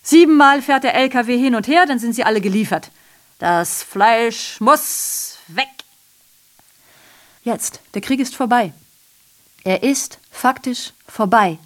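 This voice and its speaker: This actress, voicing a female messenger in a literary radio drama monologue, describes atrocity with cutting irony, sounding sardonic and insistent. She speaks deliberately and declaims, her slightly high voice full of expression.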